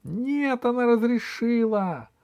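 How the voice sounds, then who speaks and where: A tiny male gnome pleads in a squeaky, shrill voice pitched far above normal, as a man reading the book puts him on. He sounds desperate and tearful, a storybook character. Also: animated, slow pace, darkish tone, exaggerated voice. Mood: pleading.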